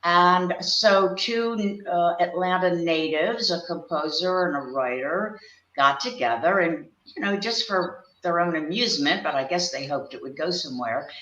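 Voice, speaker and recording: An older woman chats as a guest, drifting through memories in a relaxed, rambling way. Her voice comes through a roomy echo. The audio is dull and lo-fi. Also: lowish voice, a little slow. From Pennsylvania. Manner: rambling, reminiscing storyteller. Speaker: guest actress and puppeteer. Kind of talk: casual interview chat. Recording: echoey, muffled lo-fi audio.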